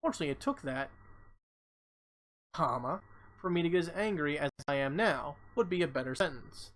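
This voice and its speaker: A man's voice: on the high side, expressive, brisk, fairly bright tone, poor audio. A man live streaming, reading a news article aloud and breaking off with blunt, profane commentary, often stumbling over words.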